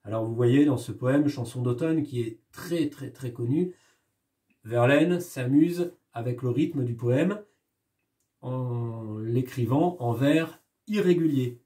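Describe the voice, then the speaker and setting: A man gives a poetry lesson, reading verses aloud and counting out their syllables. He speaks slowly and patiently, with a dark, mellow tone. He sits a little back from the microphone. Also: mid-range voice, far from the mic. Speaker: teacher.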